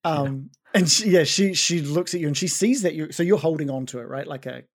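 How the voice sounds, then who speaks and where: A game master narrating a tabletop game in a relaxed, conversational way. The delivery is full of fillers and restarts, at a middle pitch. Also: fairly quick. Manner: casual, filler-heavy narration.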